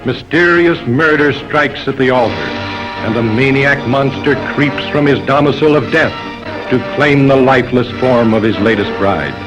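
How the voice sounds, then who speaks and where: A man's voice: mid-range voice, normal speed, lightly acted, poor audio. A man playing a lurid, grandiose announcer in vintage B-movie trailer narration, on an old film soundtrack. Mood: ominous. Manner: grandiose, sensational. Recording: old film trailer under loud music.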